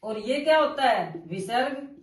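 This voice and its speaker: Woman grammar teacher, slow dictation pace, higher voice, recorded off-mic in an echoey room. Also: animated, recorded from a distance. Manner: dictates slowly, repeating phrases and asking questions. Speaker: Hindi teacher. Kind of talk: slow classroom grammar lesson. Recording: roomy, from off-mic.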